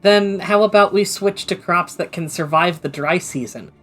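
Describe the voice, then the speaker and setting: A woman's voice: on the low side, moderate pace, fairly bright tone, soft background music. A woman streamer reading a visual novel aloud with friends, with casual hesitant asides.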